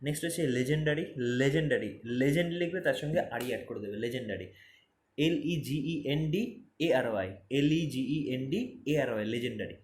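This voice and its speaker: Fast-talking male spelling teacher. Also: mid-range voice, expressive, slight background noise. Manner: spells words letter by letter, repeats for emphasis. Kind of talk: exam-prep spelling lesson. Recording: roomy echo, faint ambience.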